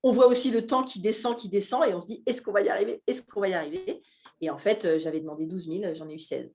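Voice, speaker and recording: Middle-aged woman, Alsace-born chef guest; lively, halting café-talk delivery. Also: medium pitch. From Alsace, France. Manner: animated, hesitant with many fillers. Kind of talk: casual talk at a live café event.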